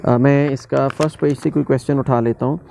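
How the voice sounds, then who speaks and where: A man's voice: mid-range voice, fairly even intonation, brisk, vocal fry, dark tone. A man from Pakistan, teaching spoken English in a casual lesson that mixes Urdu and English, listing points one by one with many fillers. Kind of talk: online language lesson. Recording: dull, muffled recording.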